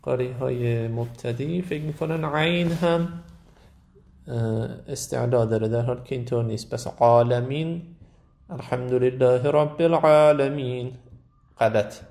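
A man teaching Quran recitation, saying single words slowly and then explaining quickly. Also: mid-range voice, creaky, a little mellow. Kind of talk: tajwid pronunciation lesson.

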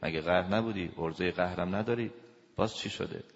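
A man with a low, gravelly voice lectures as a family counselor. He pushes some lines out loud and drops others to low, quiet asides. The recording is dull and lo-fi, with a long hall reverb. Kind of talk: lecture to an audience.

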